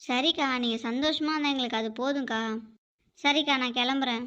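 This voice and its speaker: A woman's voice: high voice, a little fast, sharp tone. A woman voicing a nosy, prying neighbor woman in a cartoon who wheedles and pries at every turn. The recording is dull and lo-fi. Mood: polite. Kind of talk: animated cartoon dialogue. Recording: dull lo-fi audio.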